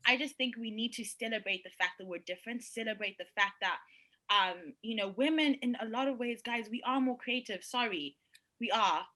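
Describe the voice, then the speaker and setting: A young woman co-hosting a podcast over a video call, talking in an animated, emphatic way and laughing easily. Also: on the high side, fairly quick, rough recording. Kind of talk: casual panel chat.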